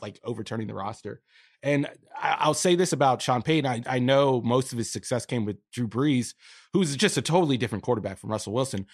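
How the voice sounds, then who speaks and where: A man's voice: mid-range voice, no room sound, clean studio sound. A man giving casual, matter-of-fact sports analysis as a podcast guest.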